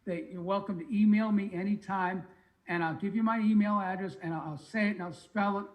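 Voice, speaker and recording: Male interview guest, Boston accent, notably high-pitched voice, conversational and deliberate delivery. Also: steady tone, rough recording. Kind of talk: conversational pitch of own books.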